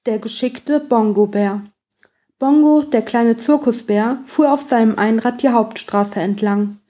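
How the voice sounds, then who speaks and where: A woman's voice: fairly high pitch, unhurried, warm tone. Woman reading a bedtime story.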